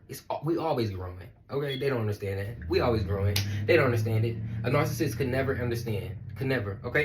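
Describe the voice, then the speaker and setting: A man speaking as a spiritual life coach in a casual motivational monologue, animated and slangy, swearing and laughing often. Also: medium pitch.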